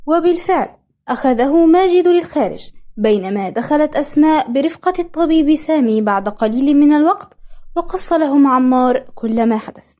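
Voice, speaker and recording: A young woman reads out a novel summary as narration, in a formal storytelling manner. Her voice is high and mellow. The tone is measured and even.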